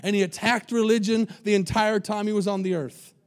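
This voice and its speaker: A man's voice: high voice, fairly even intonation, a little fast. A pastor delivers his sermon with emphatic repetition. He keeps checking in with the congregation to make sure they are following him.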